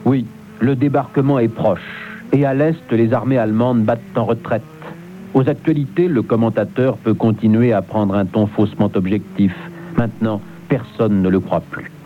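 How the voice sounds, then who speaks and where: A man's voice: medium pitch, steady tone, normal speed, background noise. Male radio documentary narrator, narrow-band sound. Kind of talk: scripted historical narration.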